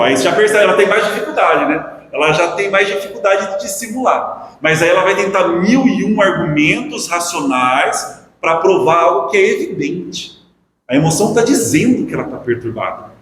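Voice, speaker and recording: A man with a Brazilian accent teaches a reflective class, his voice sitting slightly high for a man. He keeps checking in with his listeners as he explains. The sound rings through a large hall with a long tail, and a faint hiss sits underneath. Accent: Brazilian Portuguese. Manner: reflective, with frequent "né?" tag questions. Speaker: course instructor at a spiritist center. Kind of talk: lecture commenting on a book. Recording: echoey hall with faint noise.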